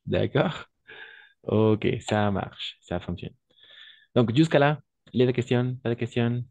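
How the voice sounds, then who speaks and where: A man's voice: mid-range voice, sing-song, slow pace, long pauses, a little mellow, no room sound, dull audio. A man teaching a French lesson online, patiently repeating examples and often checking that his students follow.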